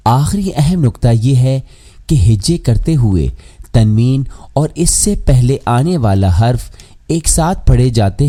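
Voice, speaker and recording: Slow, dark-voiced male teacher. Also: medium pitch. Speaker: Quran recitation teacher. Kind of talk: scripted explanatory lesson.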